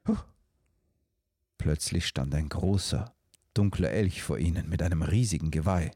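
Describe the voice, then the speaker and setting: A man narrating a storybook in a calm, measured way. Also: very deep voice, husky, no echo, clean studio sound.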